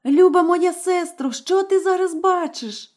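A woman's voice: very high voice, measured pace, a little mellow, voice pushed up. A woman voicing a terrified young wife who pleads through tears in a fairy tale. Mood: frightened. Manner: trembling, pleading, tearful. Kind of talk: storybook character voice.

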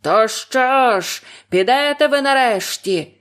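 A woman's voice: medium pitch, expressive. Bluebeard, a woman playing a cold menacing husband. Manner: slow, cold, commanding. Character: menacing man, cruel bearded husband.

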